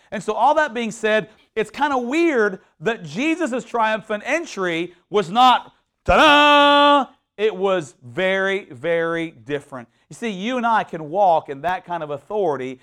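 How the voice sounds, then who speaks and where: A man preaching a sermon in an animated, conversational way, with frequent restarts and bursts of mock shouting. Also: sits high. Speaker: pastor.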